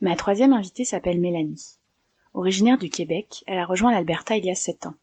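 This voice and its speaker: A woman hosting a podcast, reading a measured, scripted introduction. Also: on the low side, husky. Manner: measured, even narration. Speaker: podcast host. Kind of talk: scripted narration.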